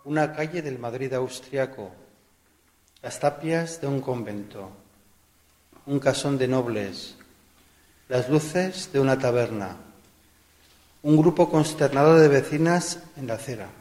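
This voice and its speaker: A man's voice: medium pitch, measured pace, long pauses, a little mellow, natural voice. A man narrating literary scene descriptions for a radio drama. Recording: reverberant hall.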